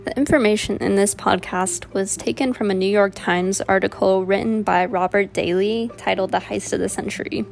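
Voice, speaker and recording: A woman's voice: mid-range voice, fairly even intonation, normal speed, vocal fry, hardly any pauses, faint music behind. A young woman hosting a podcast, narrating a true-crime story from a script and breaking off for her own asides. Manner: reads a script with personal asides. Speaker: podcast host.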